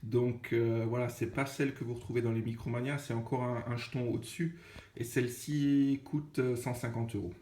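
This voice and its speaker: A man's voice: medium pitch, steady tone, moderate pace, warm tone. A young man with an Alsatian French accent, hosting a casual unboxing video and chatting with lots of fillers and self-corrections. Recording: echoey room with faint noise.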